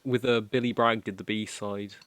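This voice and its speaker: A man's voice: lowish voice, flat delivery, normal speed, a bit bright. A man co-hosting a casual music chat, mostly agreeing with brief remarks. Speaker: podcast co-host.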